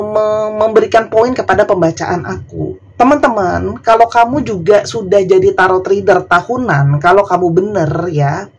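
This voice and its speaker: Woman tarot reader from Indonesia, husky mid-pitched voice, casual chatty delivery with dreamy soft stretches. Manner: chatty, soft and dreamy at times, laughing asides. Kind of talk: casual tarot reading chat.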